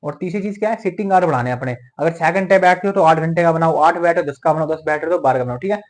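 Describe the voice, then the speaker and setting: A young man giving a motivational talk to exam students, tagging nearly every point with a quick "theek hai". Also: a little high. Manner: fast, repeats "theek hai" as a tag. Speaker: medical entrance exam mentor.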